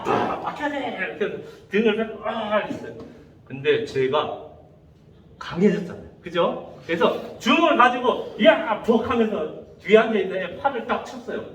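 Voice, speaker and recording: A man preaching a sermon to young people as pastor, telling stories with lively quoted voices. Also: sits high, highs cut off, a little hiss or hum. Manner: animated storytelling, acting out quoted voices. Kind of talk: sermon to youth. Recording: echoey room, voice from a distance.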